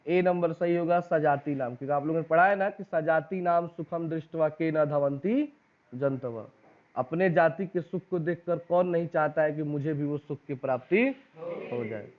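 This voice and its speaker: This male teacher speaks at a normal speed in a slightly high voice, with a Bihari Hindi accent. During an exam-prep class he reads quiz questions and their options, asks students for the answer, then repeats it. The recording sounds tinny, like a phone.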